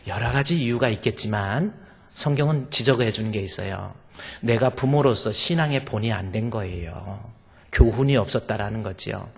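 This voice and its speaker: A man's voice: medium pitch, creaky, husky. A male pastor preaching a sermon to his congregation, emphatic and full of rhetorical questions. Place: church sanctuary. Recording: long church reverb.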